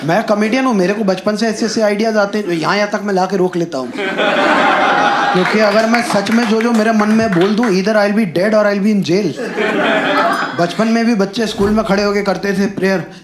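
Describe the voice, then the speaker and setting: High-voiced stand-up comedian telling stories. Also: male voice, moderate pace. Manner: storytelling, animated, mimics people with loud outbursts. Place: comedy venue with live audience. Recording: echoey room with background noise.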